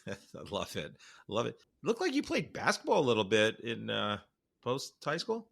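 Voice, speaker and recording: A man hosting a podcast, asking relaxed questions and giving brief replies. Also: mid-range voice, moderate pace, creaky. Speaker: podcast host. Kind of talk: casual interview chat.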